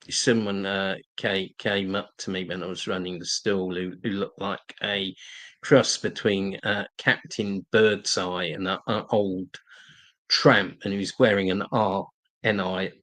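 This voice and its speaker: London guy on a livestream, slow and halting, lots of uhs, lowish voice. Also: steady tone, fairly bright tone. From England. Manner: hesitant, many filler sounds and restarts. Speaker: livestream host. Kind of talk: livestream talk answering viewer questions.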